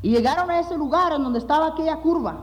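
A man preaching as pastor, emphatic, repeating phrases for weight and dropping low at the ends of phrases. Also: fast. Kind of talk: sermon with illustrative stories. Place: church sanctuary. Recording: long hall reverb.

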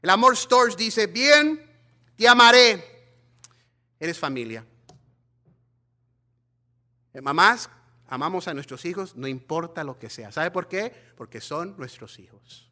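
Fiery bilingual preacher with a bright, high voice. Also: male voice, slow, pauses often. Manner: animated preaching, mixing Spanish and English, acting out gossiping church members. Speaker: pastor. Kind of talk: bilingual sermon.

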